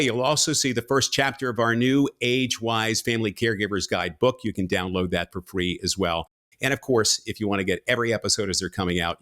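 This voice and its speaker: A man's voice: lowish voice, a bit bright. A man hosting a podcast, asking questions and giving a polished, upbeat closing. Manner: upbeat, polished sign-off delivery. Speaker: podcast host.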